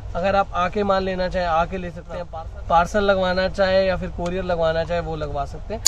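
A man selling wholesale suits in a sales pitch video, with pushy patter that keeps calling the viewer brother, recorded in a fabric shop. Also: poor audio. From India. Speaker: wholesale suit seller.

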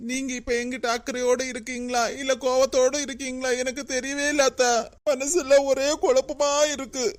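A woman's voice: high voice, level tone, normal speed, lightly acted. A woman voicing a put-upon young daughter-in-law in a cartoon, pleading and anxious, with a Kanyakumari Tamil accent. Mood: upset pleading. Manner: plaintive, pleading. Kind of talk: cartoon voice acting.

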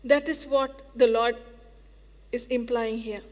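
A woman's voice: on the high side, steady tone, slow pace, a little mellow. A woman preacher giving a sermon in an earnest, reassuring way, repeating phrases for emphasis. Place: church hall. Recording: reverberant church hall.

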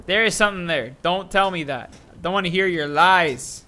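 A young adult man's high voice comes at normal speed as he streams a shooter on a headset, seated at a desk in a small room. His let's-play commentary is casual, excitable and jokey, and he talks back to the game.

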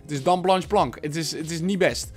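A young man from the Netherlands giving casual commentary over his own football gameplay. He chats to his viewers and breaks into shouts at big moments. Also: fairly high pitch, normal speed, soft background music. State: headache. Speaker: gaming video host.

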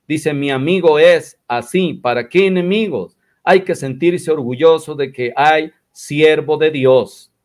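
A man with a fairly high voice talks in a combative, mocking way. He argues his side of a religious quarrel and mimics his rivals along the way. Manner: combative, mocking, quotes others in exaggerated voices. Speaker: commentator replying to critics. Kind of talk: religious commentary video.

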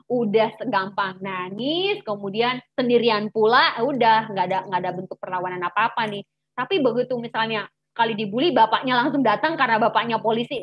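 A woman's voice: fairly high pitch, fairly bright tone, no room sound, low-quality recording. A woman teacher giving a chatty informal lesson to teens, full of fillers and acted-out taunts. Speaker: teacher giving an anti-bullying talk.

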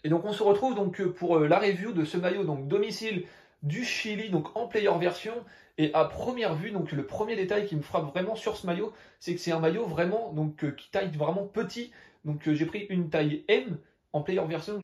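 A young man with a French accent reviews a football jersey in a casual vlog, rambling and filling nearly every phrase with "donc" and "euh." His voice is high and a little mellow, at a normal speed.

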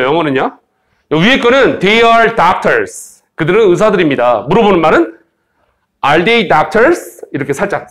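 A man teaching an English grammar lesson in Korean, playful and joking with students, slowly modeling English phrases for them to repeat. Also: sits high, fairly bright tone. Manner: playful, joking, teasing students, sound effects. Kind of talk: lively recorded grammar lecture.

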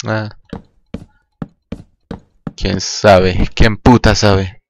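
A man's voice: lowish voice, flat delivery, very slow, gravelly, a little mellow, slight background noise. A man with a Mexican accent giving casual, profane gameplay commentary, rambling to his viewers and mouthing rhythmic noises as he works. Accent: Mexican Spanish. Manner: hums and mouths rhythmic noises while working. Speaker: gaming channel host.

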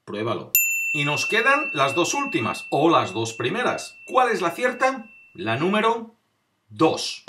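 A man's voice: a little high, heavy background noise. A man hosting a quiz video, explaining answers one by one and talking straight to the viewer, dragging out each number as he reveals it. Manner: animated, drawn-out number reveals; addresses viewer directly, demonstrates on camera.

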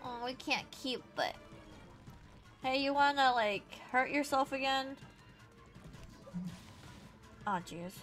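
Giggly lady streamer chatting at the game, high voice swinging all over, faint music behind. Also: unhurried. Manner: giggly, excitable, talks to the game characters. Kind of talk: casual gameplay commentary.

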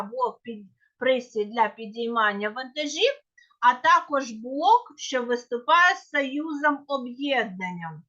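A woman lectures on grammar in a high, bright voice, taking her time over each example. She explains with care and sometimes stops to correct a slip. The recording sounds muffled and lo-fi. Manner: careful, with small self-corrections. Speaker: teacher. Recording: dull lo-fi recording.

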